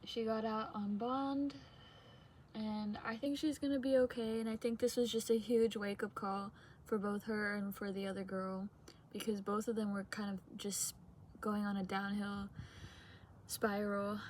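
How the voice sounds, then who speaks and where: A young adult woman vlogging in casual, unscripted confessional chat, hesitant, trailing off and pausing between phrases. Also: mid-range voice, level tone, a little mellow, a little hiss or hum. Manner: hesitant, trailing sentences with long pauses.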